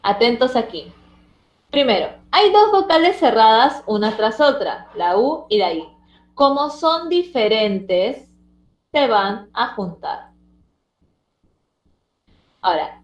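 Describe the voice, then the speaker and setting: A woman teacher explaining a language lesson step by step and often checking that her students follow. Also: mid-range voice. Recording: roomy, dull lo-fi sound.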